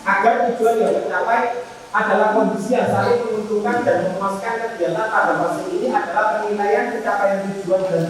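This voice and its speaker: An animated man gives a classroom lesson, breaking into small acted exchanges between nurse and patient. His voice reaches the camera from across the room, and a long reverb hangs on every phrase. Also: high-pitched, brisk, noisy background. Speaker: student teacher. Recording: echoey classroom from far off.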